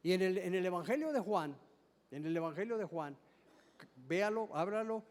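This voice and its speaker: A man's voice: sits high, animated, moderate pace, long reverb tail. A man preaching a sermon as pastor, explaining step by step, often repeating and restarting words and asking the congregation questions. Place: church service hall.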